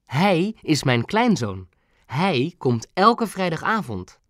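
A man doing a brisk, wry old grandmother. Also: fairly high pitch, sing-song, no room sound, clean studio sound. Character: quick-witted older grandmother, brisk and bold. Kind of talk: storybook audiobook acting.

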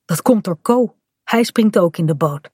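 A woman narrating a children's storybook in a clear, even storytelling manner. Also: mid-range voice, measured pace, no echo, studio quality.

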